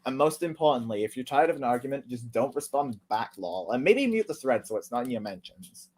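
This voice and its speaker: A man talking through an online argument in casual commentary, sarcastic and easily heated, cursing freely. His voice sits at an ordinary middle pitch. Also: sing-song, a little fast, darkish tone. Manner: sarcastic, heated, swears a lot. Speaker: commentary video host. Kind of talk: casual commentary reading tweets.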